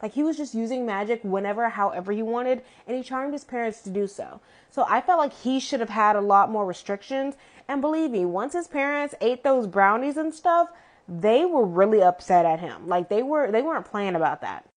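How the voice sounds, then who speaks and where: A woman's voice: fairly high pitch, expressive, normal speed. A woman giving a casual, opinionated recap of a TV episode, chatty and full of "like" fillers, with exasperated asides. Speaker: TV show reviewer.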